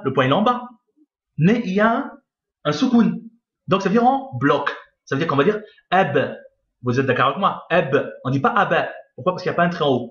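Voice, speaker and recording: A man with a fairly high voice teaches a beginners' reading lesson, patient and repetitive, often pausing to check his listeners follow. The recording is roomy and a little dull, as if made with a modest mic in a bare room. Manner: patient, repeats each point, checks in with "d'accord?". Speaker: Arabic teacher.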